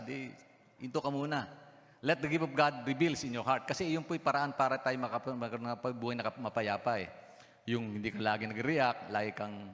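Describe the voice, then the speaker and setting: Fast-talking pastor preaching in a reverberant hall. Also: male voice, mid-range voice, a bit bright. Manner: mixes English phrases into Tagalog, asks the congregation questions. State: has a cough. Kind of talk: sermon. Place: church hall. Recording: long church hall reverb.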